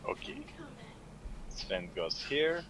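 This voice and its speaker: A man's voice: medium pitch, very animated, slow, a bit bright. A man playing a tabletop game, chatting casually about what his character does. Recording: dull lo-fi sound, faint noise.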